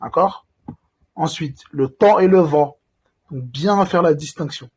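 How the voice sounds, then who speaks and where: A man gives a recorded reading lesson in a slightly raised, husky voice. He works through each point patiently, step by step. He stretches out the vowels slowly to show how each word should be said. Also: fairly high pitch, darkish tone. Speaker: Arabic reading teacher.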